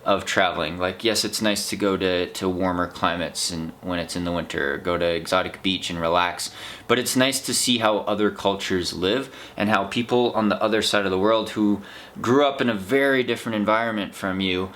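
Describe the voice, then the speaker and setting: An American man with a slightly low-pitched voice talks through his thoughts as a vlogger. His delivery is casual and unscripted, earnest and reflective, wandering from one clause to the next. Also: normal speed, fairly bright tone. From United States. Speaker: vlog host, trail runner. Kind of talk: casual unscripted vlog monologue.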